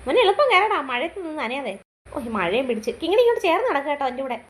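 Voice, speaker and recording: Rapid-talking, high-voiced mother. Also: sing-song. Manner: scolding, brisk and motherly. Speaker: mother in a family skit. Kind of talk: acted family skit.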